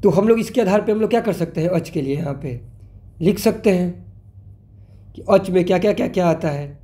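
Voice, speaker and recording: A male teacher talks through a grammar lesson in a high, mellow voice. He keeps asking the class questions and answering them himself. Now and then he slows down to spell out sounds one by one. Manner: explanatory, asks and answers own questions.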